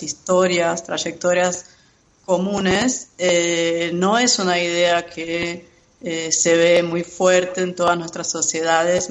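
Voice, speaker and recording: A woman from Brazil whose first language is Portuguese, a guest researcher explaining her views in a measured way on a radio interview. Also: fairly low pitch.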